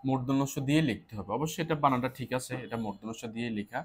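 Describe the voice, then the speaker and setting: A man teaching a spelling lesson for exam students. He asks questions and answers them himself, and he repeats the key words slowly. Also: mid-range voice, husky.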